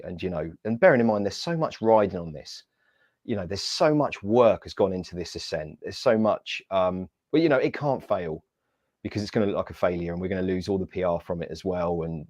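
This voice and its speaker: A man with a very low voice tells his story as an interview guest. He is lively and self-mocking, acting out the people he quotes. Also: no echo. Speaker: guest, Paralympic athlete.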